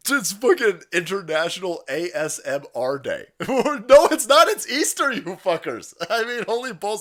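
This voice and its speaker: A man hosting a livestream, giving profane, sarcastic commentary over clips. He swings between shouts and low mumbles. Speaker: livestream host.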